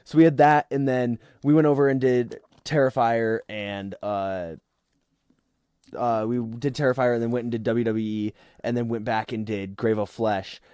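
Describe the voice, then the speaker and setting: A man co-hosting a podcast, chatting casually and in a relaxed way about a theme park trip. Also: medium pitch, moderate pace, clean tone, dry recording, clean studio sound. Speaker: podcast co-host. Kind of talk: casual trip recap chat.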